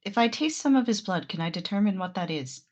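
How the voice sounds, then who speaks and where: A woman's voice: medium pitch, lively intonation, fairly quick, darkish tone. A woman playing a tabletop game, narrating her character in a loose, casual way with some swearing. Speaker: player.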